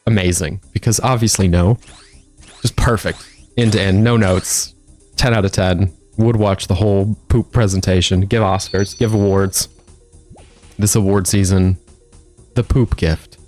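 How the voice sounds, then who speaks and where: A man with a lowish voice keeps up a running stream of casual, joking commentary while he plays a game. He rambles from point to point in a relaxed, chatty way, with faint music underneath. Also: normal speed.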